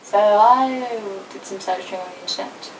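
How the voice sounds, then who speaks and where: A young woman co-hosting a casual video chat, telling a story with quick asides. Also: mid-range voice. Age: young adult. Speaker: YouTube co-host. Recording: distant mic with faint noise.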